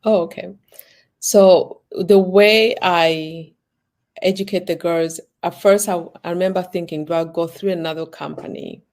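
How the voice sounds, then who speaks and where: Guesting on a casual interview, this Ugandan-born, Sweden-raised designer and business owner speaks in a lowish, darkish voice at a measured pace with fairly even intonation. She rambles, restarting often and saying "like" a lot.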